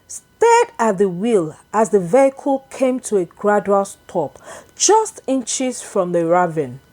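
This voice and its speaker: With a voice sitting in the middle range, a woman reads a scripted folktale aloud, her storytelling slow, deliberate, expressive and dramatic.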